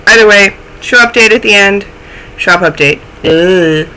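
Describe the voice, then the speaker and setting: A young woman hosts a knitting podcast from a small room in her home, chatting casually to her webcam in a stuffy, snuffly voice and poking fun at herself along the way. Her voice is mid-range, bright and forceful, and she speaks unhurriedly. The recording is low quality.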